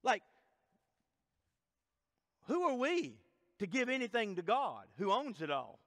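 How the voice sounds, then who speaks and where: A man's voice: high voice, wildly swooping pitch, slow pace, fairly bright tone. A middle-aged man preaching a sermon as pastor, emphatic and repetitive, asking the congregation questions. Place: church sanctuary. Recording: long church hall reverb.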